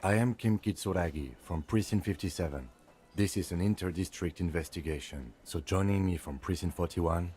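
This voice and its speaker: A man playing a calm, formal police lieutenant. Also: low voice, soft background music, lightly acted. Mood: measured. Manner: measured, formal.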